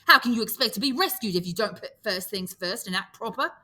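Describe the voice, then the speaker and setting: A fretful, indignant schoolboy, as a woman reader puts him on, his voice pushed up high and shrill. He pleads in breathless outbursts with a bright, forceful edge. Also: expressive, normal speed.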